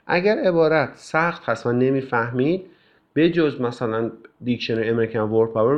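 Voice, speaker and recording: A male English teacher calmly explaining course tasks to students, with frequent fillers. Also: mid-range voice. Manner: calm, explanatory, with many fillers. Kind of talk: recorded class instructions. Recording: dull lo-fi recording.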